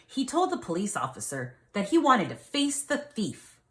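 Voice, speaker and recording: Reading a picture book to children, this woman teacher has a medium pitch that swoops wildly and a fairly bright tone. Her manner is instructive, stopping for questions and simple explanations.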